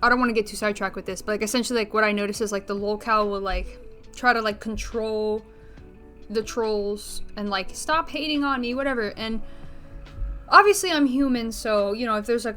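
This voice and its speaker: A woman's voice: mid-range voice, a bit bright. A woman vlogging in a casual, rambling way, a bit out of breath, full of filler words, restarts and blunt swearing. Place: bedroom.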